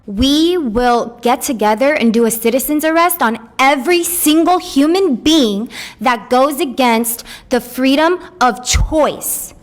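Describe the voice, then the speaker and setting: High-pitched, insistent woman protesting. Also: measured pace, soft background music. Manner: insistent, emphatic. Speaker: anti-mask protester. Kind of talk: impassioned protest talk.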